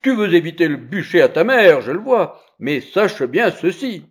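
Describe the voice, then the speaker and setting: An angry, proud judge, as a man reads him in a storybook, loud and threatening. His voice climbs high when he shouts. The pitch moves a lot. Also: very animated, normal speed, slightly rough, exaggerated voice. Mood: furious.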